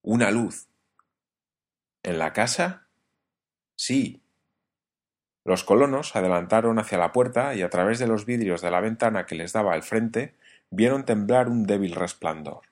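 A man narrating a novel as an audiobook, in a measured storytelling reading. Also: fairly low pitch.

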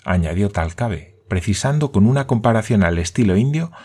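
A man reading a novel aloud as a narrator, in a steady, measured way. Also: on the low side, husky. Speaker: audiobook narrator. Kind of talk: scripted narration.

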